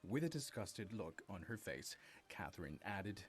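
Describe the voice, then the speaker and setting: A man narrating a dramatic family story in a steady storytelling manner. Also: low-pitched, a little slow, faint music behind.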